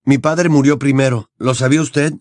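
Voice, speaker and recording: A man's voice: medium pitch, steady tone, moderate pace, no echo, studio quality, voice pushed up, lightly acted. A man reading as a somber teenage boy wizard. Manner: quiet and grave. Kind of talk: audiobook character voice.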